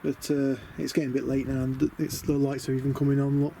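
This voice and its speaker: This British man speaks fast in a flat, creaky, mellow mid-range voice, giving chatty, rambling vlog commentary and muttering to himself. He's a DIY vlogger presenting a camper van conversion beside a house outdoors. The audio comes from an outdoor camera, noisy and full of wind.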